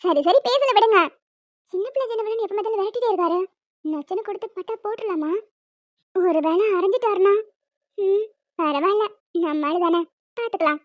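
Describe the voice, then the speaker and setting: Woman doing a cheeky lovestruck girl, teasing, very high, dry close mic. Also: brisk, pauses often, no echo, highs cut off. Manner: playful and teasing. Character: bold cheeky young woman student in love. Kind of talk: audio drama acting.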